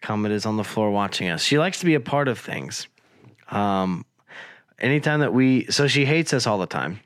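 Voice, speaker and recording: A young man hosting a podcast is fighting a cold, which leaves his voice lower and rough, though his intonation stays lively at a moderate pace. He rambles, jokes, and swears freely in loose, casual chat, recorded dry and close.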